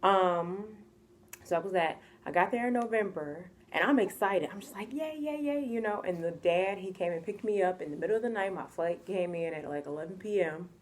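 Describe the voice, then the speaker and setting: With a lowish voice and a slightly fast pace, a woman from the United States vlogs a casual storytime. She chats freely, leans heavily on "like," and performs the voices of people she quotes.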